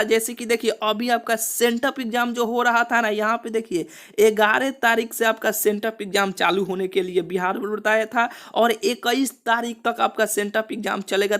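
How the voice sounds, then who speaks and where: Going over exam rules for students, this exam coaching host speaks in a high-pitched, somewhat bright voice at a steady, moderate pace. He circles back over the same points and keeps dropping in "see" and "okay."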